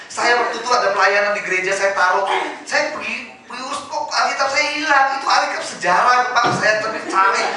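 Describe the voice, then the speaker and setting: Echoey emotional man giving testimony. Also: high voice. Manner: emotional, swinging between loud and hushed; addresses the congregation directly. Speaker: church member giving testimony. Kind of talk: personal testimony at a prayer service. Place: church. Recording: echoey church hall from a distance.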